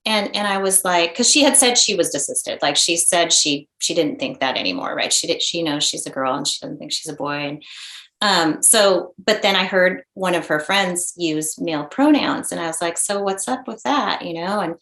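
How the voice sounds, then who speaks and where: A woman in her forties, a mother and interview guest, telling a personal story in an earnest, halting way with many restarts. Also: lowish voice, a bit bright. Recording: roomy echo.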